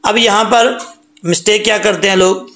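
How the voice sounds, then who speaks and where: A man teaching correct prayer recitation, drawing words out slowly and then explaining mistakes in plain talk. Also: high voice, steady tone, gravelly, fairly bright tone. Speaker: tajweed teacher. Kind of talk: slow recitation lesson with corrections.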